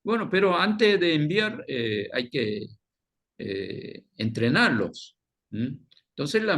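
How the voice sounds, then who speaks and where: A man giving a lecture on mission work, halting with many fillers and tag questions. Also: mid-range voice, creaky. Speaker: missions teacher.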